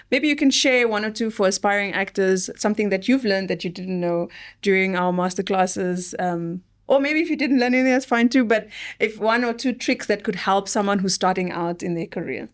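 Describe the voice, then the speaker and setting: A Namibian woman moderating a round table of actors, affirming the speakers and asking them for tips. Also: mid-range voice. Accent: Namibian English. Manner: affirming, many short backchannels.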